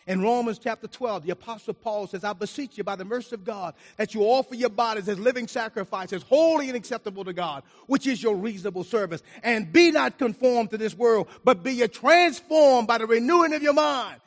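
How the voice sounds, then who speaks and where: Man, preacher, high voice, emphatic sermon delivery, swelling and dropping volume, church hall reverb. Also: brisk, few pauses. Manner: emphatic, rising and falling in volume.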